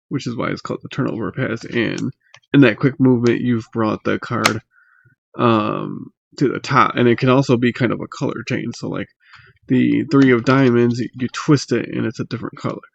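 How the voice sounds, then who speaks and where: A man giving a casual, unscripted tutorial in a halting, hesitant way, pausing mid-phrase, recorded on a laptop microphone. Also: medium pitch, fairly even intonation, gravelly, muffled recording. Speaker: magic tutorial host. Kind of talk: casual unscripted how-to explanation. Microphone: laptop built-in mic.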